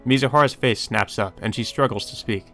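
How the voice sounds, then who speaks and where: Reading visual novel text aloud for a playthrough, a man speaks a little fast in a mid-range voice that sounds pushed and bright. Now and then he stumbles and rereads, over background game music.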